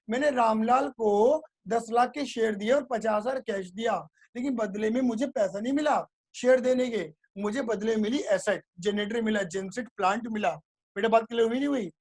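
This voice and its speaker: Male tutor with a high-pitched voice, playful classroom storyteller, checks understanding constantly. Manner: playful, keeps asking if it is clear, makes sound effects. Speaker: teacher.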